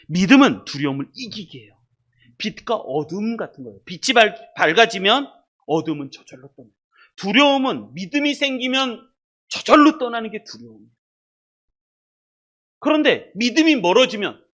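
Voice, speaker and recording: A pastor preaching a sermon, addressing the congregation directly and repeating key words for emphasis. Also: medium pitch. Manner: dramatic, swings between loud emphasis and hushed asides; addresses the congregation directly and asks rhetorical questions.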